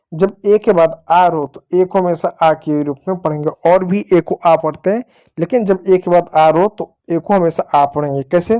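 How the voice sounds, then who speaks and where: Male phonics teacher, soft dark tone, repetitive drill style. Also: on the high side. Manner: repetitive question-and-answer explaining, addresses pupils as dear children. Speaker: English teacher. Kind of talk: classroom-style phonics lesson.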